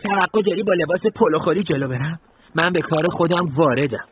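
A man's voice: fairly high pitch, phone-quality sound, background noise, voice pushed up, lightly acted. A man voicing a bold, insistent teenage boy who volunteers as a scout. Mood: cocky. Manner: confident, insistent.

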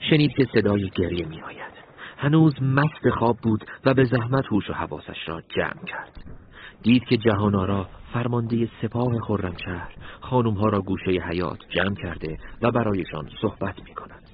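A man narrating a story in a measured, dramatic way. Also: on the low side, highs cut off, a little hiss or hum.

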